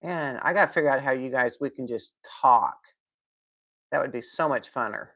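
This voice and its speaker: A woman's voice: very deep voice, normal speed, a bit bright, lo-fi sound. A woman hosting a casual live stream from home, rambling, laughing and answering viewer comments.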